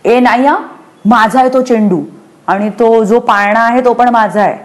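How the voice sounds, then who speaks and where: A woman voicing a stubborn little girl who whines and shouts, jealous of a new baby, in a children's radio story. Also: on the low side, expressive, a little slow. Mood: cross. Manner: whining, shouting.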